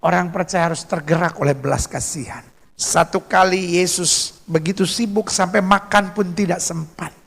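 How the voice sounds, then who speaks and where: A man's voice: sits high, steady tone, normal speed, creaky, a bit bright, big-room sound. A man preaching a sermon as pastor, emphatic, counting off his points and acting out the people he quotes.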